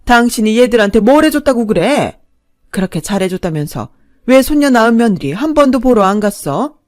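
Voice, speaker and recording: A woman's voice: on the high side, sing-song, brisk, darkish tone, no room sound, clean studio sound. A woman voicing a blunt middle-aged neighbor woman who rebukes sternly. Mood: scolding.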